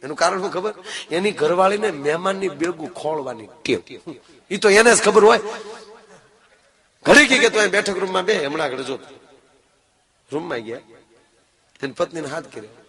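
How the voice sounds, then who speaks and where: A man telling a humorous folk tale live, speaking lively and straight to his listeners. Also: high voice, moderate pace, pauses often. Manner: lively, talks straight to the audience. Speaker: folk storyteller.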